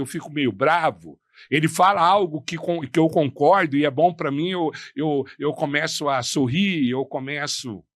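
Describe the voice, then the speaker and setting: Lively male professor lecturing. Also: a little high, no room sound, studio quality. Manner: didactic, asks the audience rhetorical questions; uses his hands a lot while talking. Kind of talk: lecture on negotiation.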